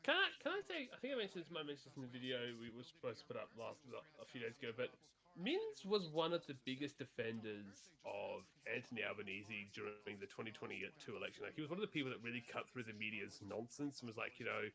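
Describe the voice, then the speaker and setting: A man with a lively, swinging pitch and a bright, forceful tone. He chats casually on a stream, animated and ready with opinions. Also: quick pace, gravelly. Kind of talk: casual livestream chat.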